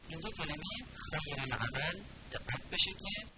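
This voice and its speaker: A man teaching pronunciation, speaking in a fairly high voice that swings widely in pitch as he moves between explanation and slow, drawn-out chanting. He pauses between phrases so students can repeat after him. Loud noise sits under the whole recording. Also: lively intonation. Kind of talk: recorded lesson on reciting the call to prayer.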